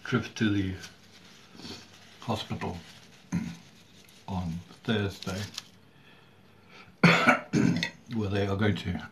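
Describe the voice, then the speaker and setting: A middle-aged man from Sweden, talking casually to camera in a halting way with long pauses and throat clearing. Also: on the low side, steady tone, bright, forceful tone. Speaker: vlogger. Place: small room at home indoors. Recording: clearly audible background noise.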